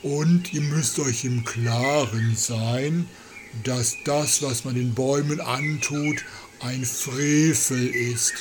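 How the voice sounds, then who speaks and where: A man channeling a slow, solemn tree spirit. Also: medium pitch, fairly even intonation, background noise, natural voice. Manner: slow, measured, earnest. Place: outdoors with birds and crickets. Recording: loud birds and insects behind.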